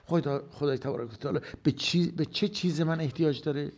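A man's voice: a little high, a little mellow. A man giving a religious sermon, asking rhetorical questions and answering them himself, rising to emphatic bursts and dropping to whispered asides. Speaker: preacher.

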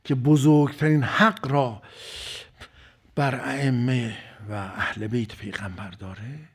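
A man preaching a sermon, moving from loud, emphatic phrases to near-whispers. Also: medium pitch, fairly even intonation, slightly rough. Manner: dramatic swings from loud to whispered.

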